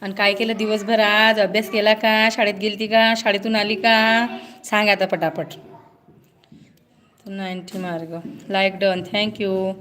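Woman, live streamer, casual phone chat, teasing, greets viewers by name, mid-pitched voice. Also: level tone, unhurried, a bit bright.

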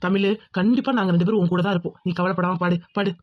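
A woman voicing a fast-talking young village groom. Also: lowish voice, steady tone, muffled recording, lightly acted. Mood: reassuring. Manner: soothing, firm, insistent. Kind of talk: cartoon voice acting.

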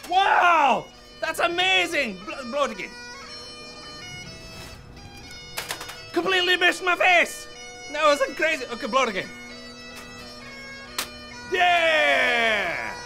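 A performer playing a goofy, excitable male rapper in a comic kids' sketch, shouting and laughing a lot. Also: high voice, slow, vocal fry, long pauses, faint music behind, exaggerated voice. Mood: excited.

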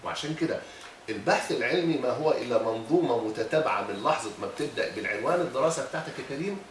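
A man's voice: mid-range voice, far from the mic, background noise. A middle-aged man with an Egyptian Arabic accent, critiquing a thesis defense in a lecturing way, probing with rhetorical questions. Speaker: thesis examiner. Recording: echoey room, voice from afar.

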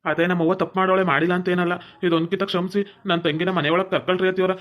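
A man playing a calm young brother who pleads and soothes, with a North Karnataka accent. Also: sits high, racing. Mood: pleading. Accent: North Karnataka Kannada.

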